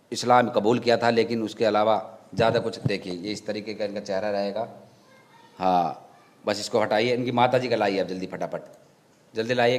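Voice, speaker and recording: A man, a filmmaker, talks casually on camera about his animated film, explaining it while giving quick instructions to a helper. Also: fairly low pitch.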